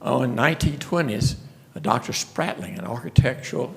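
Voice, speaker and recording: Man at a town meeting, gravelly, folksy storyteller. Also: medium pitch, brisk. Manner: folksy storytelling, frequent restarts. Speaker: speaker at a city commission meeting. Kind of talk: casual presentation.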